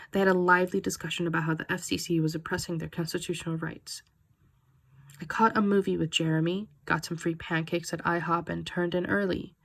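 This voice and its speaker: A woman tells a first-person horror story in a dry, casual, wry way. Her voice is low and gravelly.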